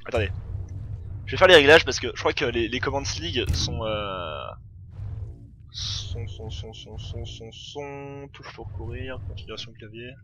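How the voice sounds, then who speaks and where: A man's voice: mid-range voice, measured pace, pushed and bright, a little hiss or hum. A man giving casual let's play commentary, chatty and thinking aloud, laughing often. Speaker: gameplay commentator.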